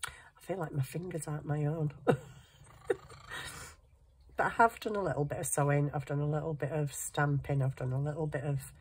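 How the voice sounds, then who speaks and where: A middle-aged craft channel host, bunged up with a cold and sniffing, chats casually and self-deprecatingly while hand sewing indoors at a cluttered craft table. Her voice sits low, husky and a little mellow, with a congested nose and a little hiss or hum in the recording.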